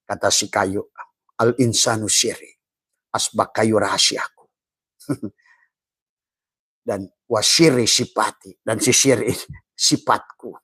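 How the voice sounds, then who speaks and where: A middle-aged man preaching a mystical sermon, chuckling often and breaking into sudden high, loud bursts for emphasis. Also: fairly even intonation, slow pace, long pauses, slightly rough, dry recording. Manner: playful, chuckles often between points. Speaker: Sufi religious teacher.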